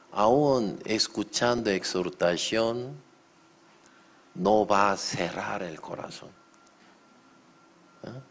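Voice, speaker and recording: Slow, low-voiced pastor preaching. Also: male voice. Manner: acts out shouting quotes, asks the congregation questions. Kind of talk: sermon.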